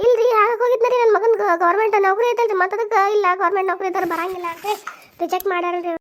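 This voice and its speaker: A woman's voice: extremely high pitch, steady tone, a bit bright, slight background noise. A woman voicing a middle-aged village wife, who nags and complains about her drunkard husband in a cartoon comedy. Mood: complaining. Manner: nagging, complaining, quick scolding.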